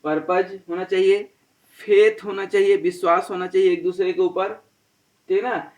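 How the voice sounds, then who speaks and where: High-voiced man lecturing from a distance. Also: steady tone, normal speed, a little mellow. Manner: rhyming, preachy asides, frequent "theek hai na". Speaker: engineering lecturer. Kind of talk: recorded classroom lecture. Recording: voice a bit distant from the mic.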